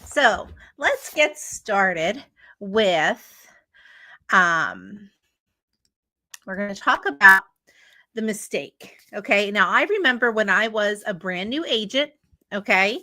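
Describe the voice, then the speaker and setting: Chatty upbeat lady coaching travel agents, keeps saying okay, clear bright voice. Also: mid-range voice, lively intonation, slow pace, long pauses. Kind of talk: teaching talk to an audience.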